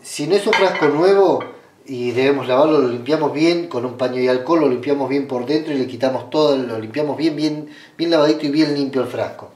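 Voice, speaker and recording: A man with an Argentine accent talks viewers through a ritual in plain, unhurried instructions, often stalling on fillers and restarting his sentences. His voice sits at an ordinary middle pitch. It is caught from some distance by a camera mic in a small room that adds a noticeable echo. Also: a little mellow, slight background noise. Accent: Argentine Spanish. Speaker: spiritual ritual guide. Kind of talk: step-by-step ritual tutorial. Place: small indoor room at a red-draped altar table. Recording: roomy, distant camera sound.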